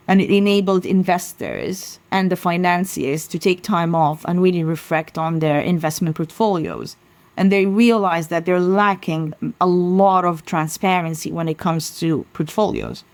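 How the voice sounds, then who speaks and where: A passionate woman from Sudan speaks as a podcast guest, her voice sitting fairly low. She presses her points with emphasis. The sound is dry and close, with no room around it. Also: darkish tone, dry recording. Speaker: guest, sustainability consultancy founder. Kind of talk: podcast interview answers.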